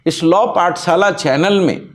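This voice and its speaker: A man's voice: high-pitched, measured pace. Emphatic male law teacher. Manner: emphatic, repeats key points, spells out words letter by letter. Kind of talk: lecture and channel introduction.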